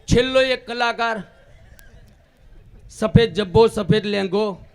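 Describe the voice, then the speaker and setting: A man telling jokes on stage, a lively storyteller who now and then breaks into drawn-out singing. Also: high-pitched, vocal fry, smooth. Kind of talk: live Gujarati folk comedy storytelling.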